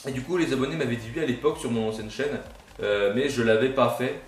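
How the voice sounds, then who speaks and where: A young gaming YouTuber rambles through casual gameplay commentary, mocking himself and swearing casually. His medium-pitched voice moves quickly, sitting far from the mic in a roomy recording with a little hiss or hum and faint game music.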